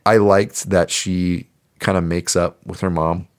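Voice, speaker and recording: Speaking at a measured pace, this man has a deep voice that barely moves in pitch. He co-hosts a podcast and reviews a movie in loose, laid-back talk full of fillers, the tone of a casual film chat.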